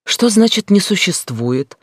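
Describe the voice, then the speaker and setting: A frantic young woman, as a male reader puts her on, begs and shouts down a phone line in an audiobook. Her voice sits high and strained. The sound is dry and close. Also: very animated, measured pace, slightly rough, no room sound, heavily acted. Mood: tense. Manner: pleading, rising to shouts. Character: distraught young woman, desperate and demanding.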